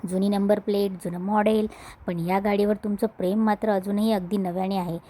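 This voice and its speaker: A woman's voice: mid-range voice, flat delivery, a little fast, warm tone, natural voice. A woman reading a cheeky coaxing young man. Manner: coaxing, playful, keeps saying madam.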